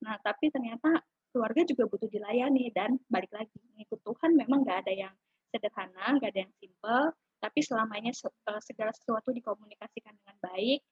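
A young woman, a panel guest, telling a personal story in lively casual chat with many fillers. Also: a little high, fast talker, breathy edge, no echo. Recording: dull lo-fi sound.

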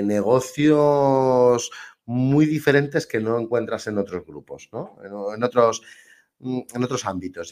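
Male interview host, low voice, relaxed and halting. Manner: relaxed, hesitant, many fillers. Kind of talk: casual live interview chat.

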